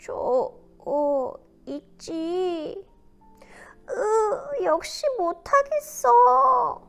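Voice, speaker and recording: Lady putting on a shy little storybook boy, high and halting, words stuck. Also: sing-song, vocal fry, a bit bright, faint music behind, full character voice. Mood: timid. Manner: hesitant, halting, then blurting. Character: shy young boy who cannot apologize.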